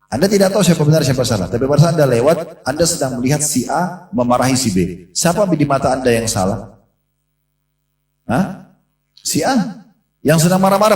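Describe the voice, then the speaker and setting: A man's voice: a little high, a little mellow. A man preaching a sermon in a mosque, telling a story and acting out the voices in it. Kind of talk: sermon to a congregation. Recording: echoey room from a distance.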